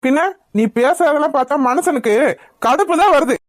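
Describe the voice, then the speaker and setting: A woman's voice: high voice, fairly quick, no echo, studio quality, close to an everyday voice. A woman voicing a stern young husband in a cartoon, who scolds and lectures his wife. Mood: irritated. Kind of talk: cartoon voice acting.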